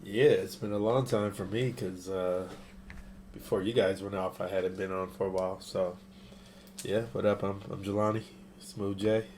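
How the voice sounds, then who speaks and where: A man joining a podcast as a guest, low-key and halting. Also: steady tone, a little mellow, slight background noise.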